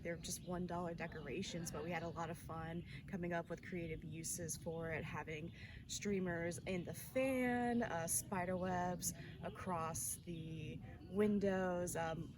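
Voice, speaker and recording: A woman's voice: fairly low pitch, fairly even intonation, measured pace. A young woman from Birmingham, Alabama, a service corps member, chatting through her memories in a detailed way with fillers. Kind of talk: personal reflection to camera. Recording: distant mic, noisy background.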